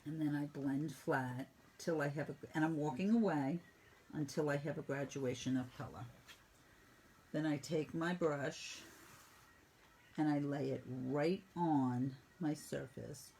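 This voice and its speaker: A woman teaches a painting class step by step, brisk and a little teasing. Her voice has a gravelly edge and a mellow tone. A faint hiss sits under the recording. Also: low voice, rough recording. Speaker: painting instructor.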